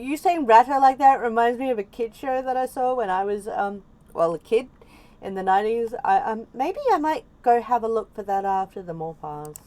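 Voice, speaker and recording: A woman with an Australian accent and a fairly high voice talks in a cute anime-streamer manner. She sounds casual and chatty, like someone reacting live for viewers. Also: darkish tone. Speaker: VTuber streamer reacting to videos.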